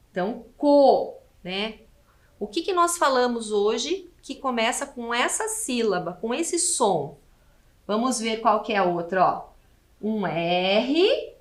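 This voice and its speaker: A Brazilian woman teaching a televised class to children, slow and patient, asking the class questions as she goes. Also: a little high, a bit bright. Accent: Brazilian Portuguese.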